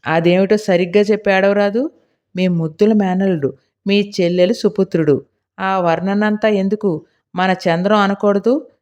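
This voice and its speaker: A woman's voice: mid-range voice, fairly even intonation, moderate pace, a little mellow, lightly acted. A woman reading an audiobook voices a curt, sardonic middle-aged village husband with terse, mocking replies.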